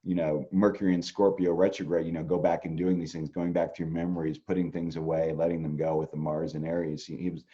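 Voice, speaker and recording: A man's voice: sits low, level tone, fairly quick, hardly any pauses, warm tone, dull audio. A middle-aged man, an astrologer, talking casually and rambling with many fillers. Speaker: astrologer co-host. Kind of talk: casual conversation.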